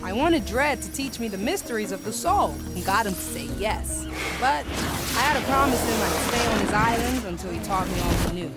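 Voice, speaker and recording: A woman's voice: fairly high pitch, lively intonation, normal speed, close to an everyday voice. A woman voicing a brash, scrappy, cheeky plant witch in a video game, blurting her lines informally and expressively. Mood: defensive. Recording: music playing behind the voice.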